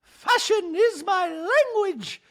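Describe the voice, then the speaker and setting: A man's voice: lively intonation, slow, fairly bright tone, full character voice. A man doing a mock robot voice that beeps and chirps, like a fussy robot butler. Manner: high, clipped, mechanical chirping.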